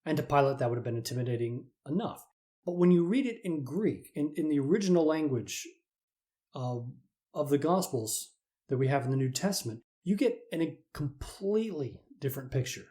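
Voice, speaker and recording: A man's voice: fairly high pitch, lively intonation, a little fast, dark tone. A man teaching a Bible lesson, retelling events in a dramatic, explanatory way. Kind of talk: storytelling lesson.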